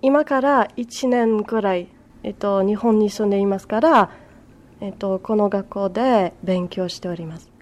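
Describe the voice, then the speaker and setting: A mid-range, darkish female voice, a little slow, belongs to a French-born learner whose native tongue is French. As a guest, she replies to interview questions using basic learner wording.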